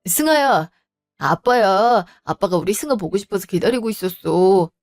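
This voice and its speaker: A woman's voice: mid-range voice, expressive, moderate pace, faint music behind, close to an everyday voice. A woman voicing a cheating husband and father who pleads and makes excuses in a defensive, wheedling way. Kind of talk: storybook voice acting.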